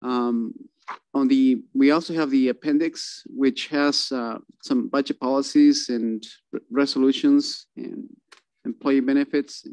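A man's voice: mid-range voice, darkish tone, dry recording. Guy walking council thru the budget, lots of ums and uhs, dry video call sound. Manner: halting, many fillers and restarts. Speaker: city finance staff presenting budget. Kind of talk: budget presentation.

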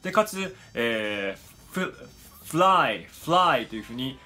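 A Japanese-speaking man walks through a pronunciation lesson with a bright, forceful voice. He pads his explanations with steady "eh" fillers and slows down to model each sound carefully. Faint guitar music sits behind him. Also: medium pitch. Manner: frequent "eh" fillers, slow careful demonstrations. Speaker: pronunciation teacher.

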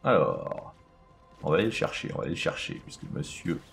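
A man's voice: extremely low pitch, huge pitch swings, brisk, vocal fry, faint music behind. A man casually commenting on his own video game play, chatting to himself and to the enemies on screen.

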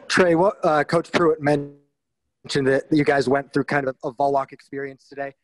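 A man's voice: fairly high pitch, steady tone, normal speed, poor audio. A male sports reporter asking direct questions at a press conference over a video call.

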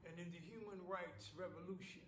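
An older man, an actor, performing an impassioned civil rights preacher's speech in a slow, oratorical delivery, filmed on a phone camera in a small tiled room. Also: sits high, steady tone, fairly bright tone. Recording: echoey room, faint hiss.

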